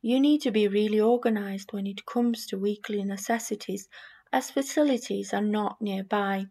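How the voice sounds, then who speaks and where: A woman from Romania with a Romanian accent, reading scripture and giving a sermon in a measured, reflective way. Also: mid-range voice, dark tone. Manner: measured, reflective delivery with small restarts. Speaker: preacher.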